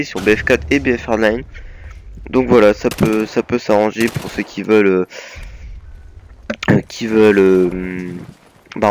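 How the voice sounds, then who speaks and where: A young man with a slight cold does a casual voice-over during gameplay, introducing his gaming team. His voice is lowish with a bit of background noise, and he sounds hesitant, full of fillers and restarts.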